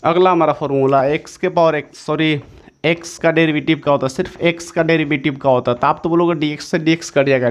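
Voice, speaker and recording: Higher-voiced man teaching exam maths. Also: clear, resonant tone. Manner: repetitive, restates each step several times; self-correcting, says sorry mid-explanation. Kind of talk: exam-prep maths lesson.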